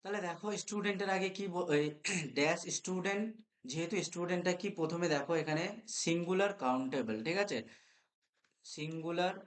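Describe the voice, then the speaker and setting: A man's voice: on the high side, a little fast. A man with a Bengali accent teaching an English grammar class. He often checks in with his students and spells words out letter by letter. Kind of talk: live online class lecture.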